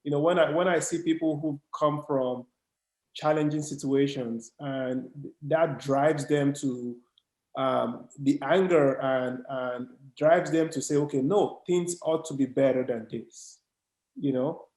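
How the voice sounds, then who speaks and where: A man's voice: medium pitch, measured pace, darkish tone. A man with a Nigerian accent hosting a podcast interview, earnest and emphatic, often stumbling over his words. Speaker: podcast host. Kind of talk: casual interview chat. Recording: roomy echoey sound.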